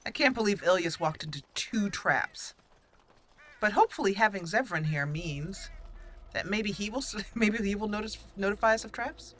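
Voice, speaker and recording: A woman hosts a gaming channel, casually commenting and roleplaying in character while she plays a fantasy video game. Her medium-pitched voice is lively and fairly bright at a normal speed, with a little hiss or hum.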